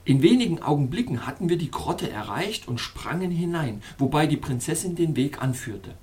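A man reading a fairy-tale audiobook in the first person, in a measured, expressive way. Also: fairly high pitch. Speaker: narrator. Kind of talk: scripted audiobook narration.

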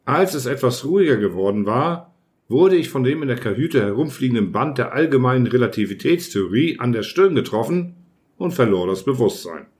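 A man narrating an audiobook with a measured, storytelling delivery. His voice sits in an ordinary middle pitch. The reading is scripted and evenly paced. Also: lively intonation. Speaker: audiobook reader.

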